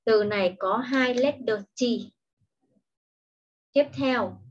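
Slow, patient woman teaching children. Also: on the high side. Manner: explains each word in Vietnamese, then says the English word clearly and repeats it. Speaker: primary school English teacher. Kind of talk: slow, patient online lesson for young children. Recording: dull, lo-fi recording.

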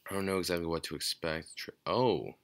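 A man giving casual, off-the-cuff game commentary in a quiet, low-energy, hesitant and rambling way. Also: fairly quick, smooth. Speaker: gaming channel host. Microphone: speaking away from the mic at times.

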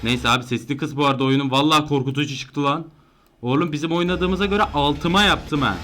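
A man commenting live on a horror game he is playing, excitable and panicky when chased. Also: a little high, fast. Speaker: gameplay streamer.

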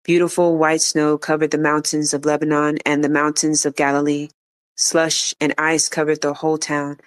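Audiobook narrator; flat, smooth, measured delivery. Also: medium pitch. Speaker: audiobook reader. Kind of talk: reading an autobiography aloud.

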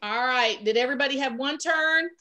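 High bright teacher lady on a video call, patient and encouraging with little kids. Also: a little hiss or hum. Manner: encouraging, patient, slow clear prompts. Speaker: pre-K teacher. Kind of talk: online class lesson.

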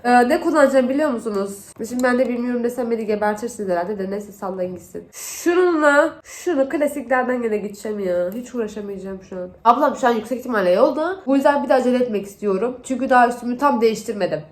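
A young woman chats through a makeup vlog while she has the flu, her voice sitting high. She retells an annoying episode in an animated, exasperated way and acts out both sides of the conversation. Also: fast talker, hardly any pauses. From Turkey. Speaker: beauty vlogger. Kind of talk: casual storytelling while doing makeup.

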